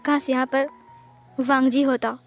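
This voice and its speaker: A grown son speaking quietly and wistfully, played by a woman narrator. His voice is high, with music softly underneath. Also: level tone, unhurried.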